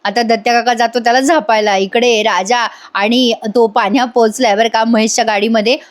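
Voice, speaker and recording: A woman's voice: on the high side, fairly even intonation, fairly quick. A woman giving a chatty voice-over review of a serial episode, speaking directly to her viewers.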